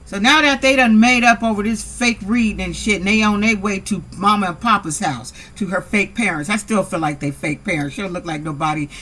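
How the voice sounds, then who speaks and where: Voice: mid-range voice, fairly quick, hardly any pauses, sharp tone. A vlogger giving a blunt, heavily profane, sassy recap of a reality TV episode, full of exasperated rhetorical asides. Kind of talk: casual reality TV recap commentary.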